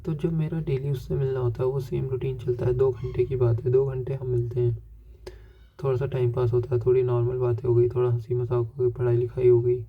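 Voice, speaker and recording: A man's voice: medium pitch, little pitch movement, brisk, phone-quality sound. A young man talking through his feelings in a rambling, self-searching personal monologue, often checking himself with a filler. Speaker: vlogger.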